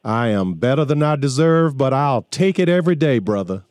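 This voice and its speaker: A man's voice: mid-range voice, lively intonation, moderate pace, darkish tone, no echo, studio quality. A man in his sixties hosting a call-in talk radio show, folksy and preachy, often restarting his sentences. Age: 60s.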